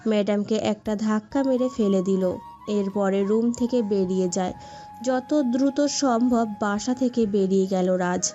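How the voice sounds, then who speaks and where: In a warm, mid-range voice, a woman tells a scripted romantic story as its narrator. The sound is dull and lo-fi, with music in the background.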